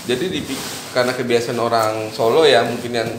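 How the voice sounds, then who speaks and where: A man's voice: medium pitch, fairly even intonation, a little fast. A man from eastern Indonesia, a guest chatting casually and thoughtfully about his marriage, often laughing. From eastern Indonesia, Bima. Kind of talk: casual chat. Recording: echoey room, faint noise.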